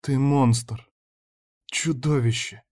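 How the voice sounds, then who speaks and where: A man's voice: mid-range voice, fairly even intonation, moderate pace, warm tone, pitched above the performer's own voice, natural voice. A man voicing a distraught, defiant pregnant young woman in an audiobook, with a raised, strained pleading voice. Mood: furious. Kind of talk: audiobook character voice.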